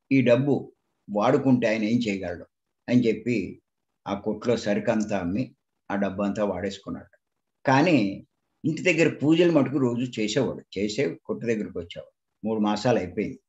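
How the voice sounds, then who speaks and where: A man's voice: on the low side, expressive, normal speed, long pauses, darkish tone. A man gives a spiritual discourse, telling a parable and often asking the listeners to stop and think. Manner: questions the listeners and tells them to think; storytelling, acting out the people in his story. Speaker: spiritual teacher. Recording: dull lo-fi recording.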